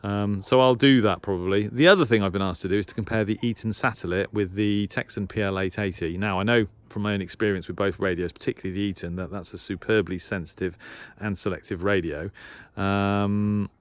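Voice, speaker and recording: A man with a fairly low, steady voice talks fairly quickly while giving a casual, unscripted equipment review. He's a shortwave radio hobbyist presenter, hesitating and thinking aloud as he goes.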